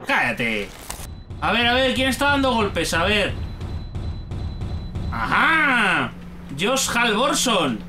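A man from Spain with a Spanish accent, giving excitable, swear-heavy commentary while playing a horror game. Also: high voice, slow, long pauses, music in the background. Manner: excitable, swears a lot, talks to himself. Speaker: gaming YouTuber. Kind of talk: let's play commentary.

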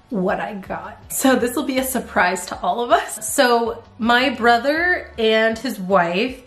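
A young woman vlogger chatting casually about a haul, bubbly and gushing, often slipping into a cutesy baby voice. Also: mid-range voice. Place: outdoors in bright sun. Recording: roomy echo.

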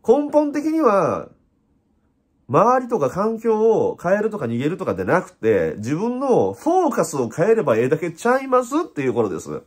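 A man with an Osaka accent, hosting a casual spiritual talk in an animated, joking way, laughing often. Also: high voice, moderate pace, breathy edge. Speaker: host.

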